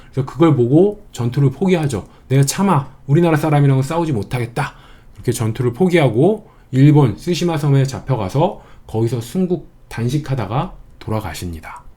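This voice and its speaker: Guy doing a history cram lecture, kinda high but mellow voice, chatty, all wordplay tricks. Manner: playful mnemonic wordplay, chatty teaching. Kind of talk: exam-prep history lecture.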